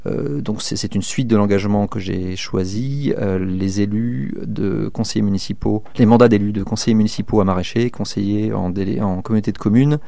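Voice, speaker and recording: A man's voice: on the low side, steady tone, brisk, vocal fry, few pauses, warm tone, dry recording. A man in his thirties from northern France, a local election candidate answering interview questions hesitantly, with many fillers and restarts. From southern Manche, France. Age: 30s.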